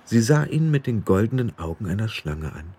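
Husky, expressive male audiobook narrator. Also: fairly low pitch, normal speed. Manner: expressive storytelling.

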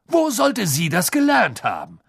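A man's voice: sits high, wildly swooping pitch, unhurried, vocal fry, husky, no echo, clean studio sound, pitched above the performer's own voice, heavily acted. A man voicing an indignant middle-aged wizard who reasons with a colleague. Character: angry middle-aged father, kindly wizard.

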